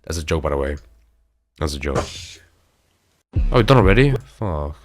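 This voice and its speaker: A young man reacting to clips for his YouTube channel in casual, excitable commentary, swearing freely and calling everyone "bro". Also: extremely low pitch, moderate pace, slight background noise.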